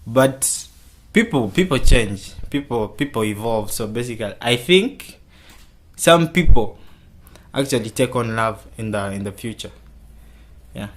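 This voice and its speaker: A young man from Kenya answering interview questions in a casual, halting way, often repeating his words as he starts. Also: mid-range voice, lively intonation, slight background noise. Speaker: interview guest.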